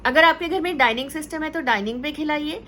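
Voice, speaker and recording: A woman's voice: high-pitched, quick pace, pushed and bright, slight background noise. A woman teacher giving conversational parenting advice, telling stories and mixing English words into her Hindi. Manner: storytelling with acted quotes.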